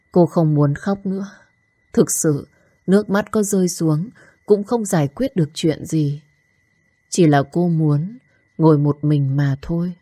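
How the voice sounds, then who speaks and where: Woman narrating a story, low calm voice, dry close mic. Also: dry recording.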